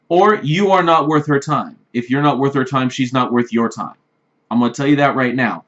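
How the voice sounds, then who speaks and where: A man's voice: medium pitch, fairly bright tone. A man giving blunt, repetitive dating advice straight to the camera, often checking in with "right?". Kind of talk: direct-address advice vlog. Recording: slightly dull lo-fi recording.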